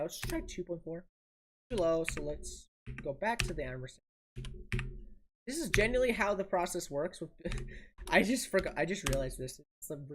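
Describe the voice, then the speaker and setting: A woman's voice: lowish voice, noisy background. A woman streaming a building game, casually thinking aloud and muttering each step to herself. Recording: audible keyboard typing and clicks.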